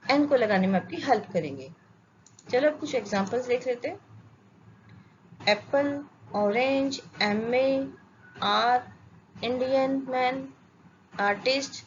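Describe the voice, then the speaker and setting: Explaining English grammar to a class, an Indian-accented woman asks questions she answers herself and checks comprehension. The fairly high voice comes through dull lo-fi sound with faint ambience and a little hiss or hum.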